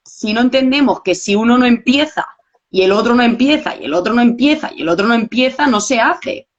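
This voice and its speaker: Woman, animated storytelling, slightly dull lo-fi recording. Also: a little high, fairly quick. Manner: animated storytelling, acting out quoted dialogue. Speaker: guest. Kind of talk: casual conversation.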